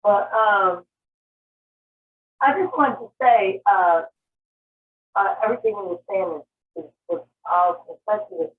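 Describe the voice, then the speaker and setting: A woman's voice: medium pitch, moderate pace, pauses often, slight background noise. A woman speaking hesitantly on a team call over a muffled speakerphone or earbuds. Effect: muffled speakerphone or earbud sound. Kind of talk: casual chat. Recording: tinny muffled phone-call audio.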